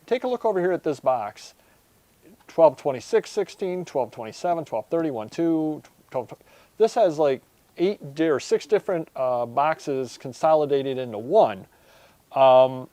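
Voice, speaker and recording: A man in his forties with a slightly high voice hosts a casual explanatory vlog. He talks straight to viewers and works through examples. The lapel mic sounds close and dry. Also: animated, normal speed, warm tone, no room sound. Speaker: host. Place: indoors, large warehouse storage aisle.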